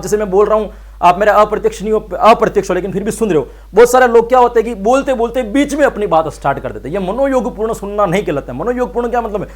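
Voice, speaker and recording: Brief: male online tutor, rapid delivery, quizzes listeners then answers himself. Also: sits high. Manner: rhetorical questions answered himself, calls viewers friends. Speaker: teacher. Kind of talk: exam-prep lecture.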